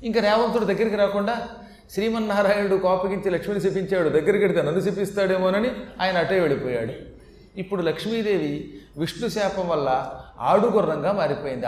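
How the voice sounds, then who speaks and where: High-ish male voice doing a chatty scripture talk w jokes, echoey hall. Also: fairly quick, a little hiss or hum. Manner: chatty, with humorous asides. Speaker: religious storyteller. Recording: echoey hall with faint ambience.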